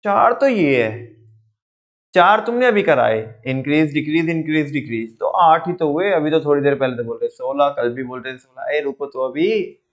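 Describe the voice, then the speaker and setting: A male teacher leads an online lecture in a playful, teasing way, constantly quizzing his students. His voice sits somewhat high, and the recording sounds dull and lo-fi. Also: normal speed.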